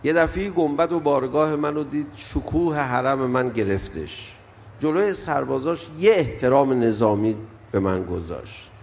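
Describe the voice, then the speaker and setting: A man's voice: medium pitch, creaky, darkish tone. An older man preaching an emotional mourning sermon, telling stories that swell and drop in intensity. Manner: storytelling, swells and drops in intensity. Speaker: preacher reciting mourning elegy. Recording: long hall reverb, faint background noise.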